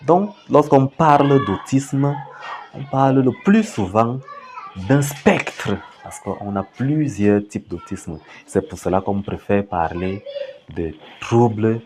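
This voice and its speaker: A man, a special educator and teacher trainer, explains in a measured way in a documentary interview. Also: mid-range voice, background noise.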